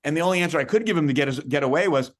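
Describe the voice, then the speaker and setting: A man's voice: on the high side, rapid-fire. A man hosting a podcast interview, talking casually in rambling sentences that he often restarts, laughing as he goes. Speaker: podcast host.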